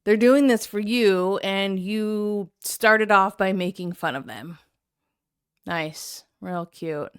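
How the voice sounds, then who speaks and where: A woman's voice: medium pitch, takes it slowly, smooth. A woman hosting a reaction video, commenting critically and sarcastically on a livestream clip.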